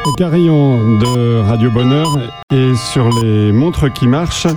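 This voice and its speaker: Male radio co-host, casual sports chat, medium pitch, music bed. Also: measured pace. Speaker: radio presenter.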